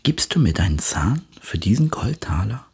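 A gentle tooth fairy speaks in whispered role-play, as a man puts her on. Her voice is all breath and hush, from a storybook. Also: fairly low pitch, big pitch swings, normal speed, breathy edge, heavily acted. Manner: whispering softly. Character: soft-spoken female tooth fairy.

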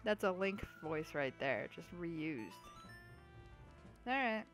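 A woman's voice: fairly low pitch, sing-song, slow pace, soft background music. A young woman giving chatty, goofy gameplay commentary, swearing freely as she plays. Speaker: let's play host.

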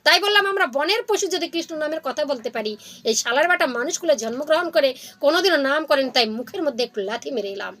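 A woman's voice: high voice, animated, fast talker, a bit bright. A woman voicing a stern, judgmental elder male jackal in a devotional story, scolding and moralizing.

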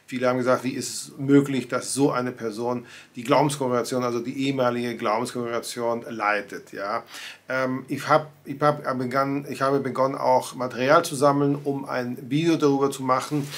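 In his home study, surrounded by bookshelves and pictures, a man in his sixties comments on church affairs to the camera. He's a native Spanish speaker with a medium-pitched, slightly bright voice, and his delivery is conversational, full of fillers and restarts.

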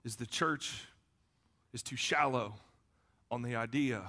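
A male pastor preaching a fervent sermon, at times rising to shouts. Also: medium pitch, slow pace.

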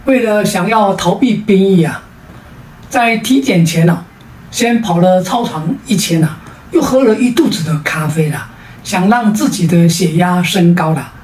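A woman's voice: fairly low pitch, animated, unhurried, darkish tone, echoey room, distant mic. A woman with a Taiwanese Mandarin accent telling jokes in a sing-song storytelling way, drawing out sentence-final particles. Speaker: joke teller. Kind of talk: storytelling comedy.

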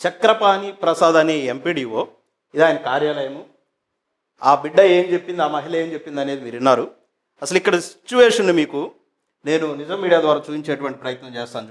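A man's voice: fairly high pitch, animated, brisk, pauses often. Scathing male reporter. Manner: brief prompts, then scathing sarcastic commentary. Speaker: reporter of an online news channel. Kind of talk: interview and on-site report.

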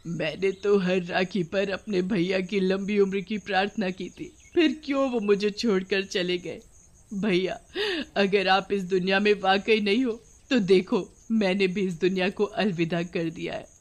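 A woman's voice: lowish voice, normal speed, close to an everyday voice. A woman voicing a young woman turned witch in a cartoon story, tearful and fiery by turns. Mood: grieving. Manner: tearful, then scolding and fiery.

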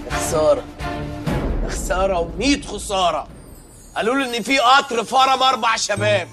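A man's voice: sits high, animated, fairly quick, over music. A man with an Egyptian accent acting in a slapstick film comedy, blustering and mock-outraged. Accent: Egyptian Arabic. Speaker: comic film actor.

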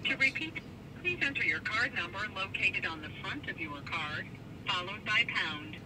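A man's recorded voice on an automated phone menu, reading options in an even, scripted way, built from spliced-together prompts. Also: high voice, normal speed. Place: car, played over a phone. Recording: distant noisy phone speaker in a car.

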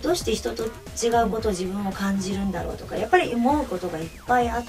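A woman with a high, cute, girlish anime-like voice, telling personal stories casually as an interview guest. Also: racing, a little mellow, recorded from a distance. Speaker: guest, chanson singer and stage performer. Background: background music.

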